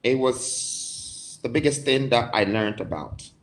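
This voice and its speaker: A man from Ghana speaks in a grand, declamatory way, stretching his phrases for effect. His pitch sits in an ordinary middle range. A faint hum of background noise runs under the talk. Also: rough recording. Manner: grand, declamatory speech with dramatic pauses. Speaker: interviewed guest. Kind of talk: live online interview.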